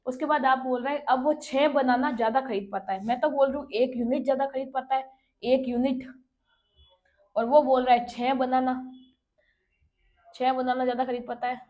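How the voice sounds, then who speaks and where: A woman teaching an exam-prep maths lesson, working through problems step by step, often checking in with "okay" and reading English questions out slowly. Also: high voice, fairly even intonation, a little mellow. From India. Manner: explains step by step, checking with "ठीक है".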